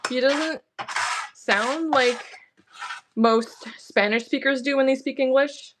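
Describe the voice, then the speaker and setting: A woman's voice: fairly high pitch, background noise. Woman, rambling cooking chat, home kitchen, tripod camera, clicking and clatter behind her. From Canada. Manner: chatty, rambling, self-correcting. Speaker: cooking streamer. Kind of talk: casual chat while cooking.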